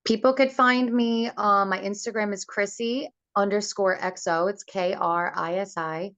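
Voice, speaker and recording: A woman's voice: medium pitch, steady tone, a little slow, a bit bright, no room sound. A woman singer talking casually and chattily in a remote interview, heard over a conference call whose audio breaks up. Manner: chatty, loose, many fillers. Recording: dull lo-fi call audio, dry.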